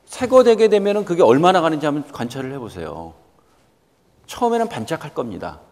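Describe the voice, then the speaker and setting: His voice is on the high side, sing-song, gravelly and a little mellow, and he speaks fairly quickly. This South Korean company executive in his fifties is a guest lecturer motivating students, emphatically repeating his key points and putting questions straight to his audience, with the hall's reverberation audible.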